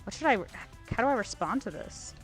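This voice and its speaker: A woman streaming a video game, chatting casually in a rambling way, full of fillers and animated asides. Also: a little high, a little fast, soft background music. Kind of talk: casual gameplay chat.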